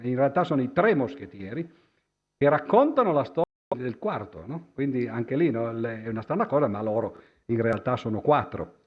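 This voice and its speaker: A man's voice: medium pitch, lively intonation, normal speed, dull audio. A man giving a public lecture with slides, speaking conversationally, hesitating with fillers and constantly ending his phrases with a questioning "no?". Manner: hesitant, with many fillers and restarts. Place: lecture hall before an audience.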